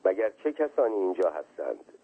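A man voicing a curt, impatient male master with a husky voice, heard as a tinny radio reading. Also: low-pitched, big pitch swings, voice pushed down, full character voice. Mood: questioning. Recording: tinny phone-like radio sound.

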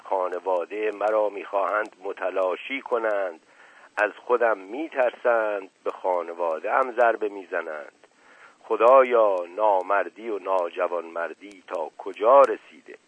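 A man voicing a proud, paranoid old family head who rants loudly and indignantly, in a muffled phone-like radio recording. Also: low-pitched, breathy edge. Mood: outraged. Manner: loud, indignant outbursts.

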